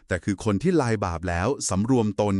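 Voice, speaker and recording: Speaking briskly in a lowish, darkish voice, a man politely walks his discussion partner through Buddhist scripture like a teacher. The studio recording is clean, with no room sound.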